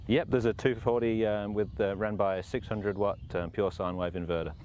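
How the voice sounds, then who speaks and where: Low-voiced, easygoing Australian man. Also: fairly even intonation, fairly quick, a little mellow, highs cut off, a little hiss or hum. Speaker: product demonstrator. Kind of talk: casual product walkthrough. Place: outdoors and inside a camper.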